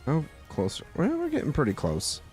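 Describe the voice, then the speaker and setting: A man's voice: fairly high pitch, wildly swooping pitch, brisk, darkish tone, soft background music. A man casually commenting on his gameplay in a joking, wry way. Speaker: gameplay host. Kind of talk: casual let's-play commentary.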